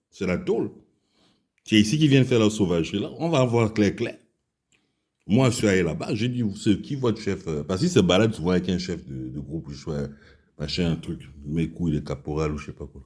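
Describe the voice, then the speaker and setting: This Gabonese man, a commentator with a Gabonese French accent, rails against the nation's leaders through a crude, furious personal story. His voice is on the low side, darkish and slightly rough, and he speaks briskly. He tells it heatedly, repeating himself.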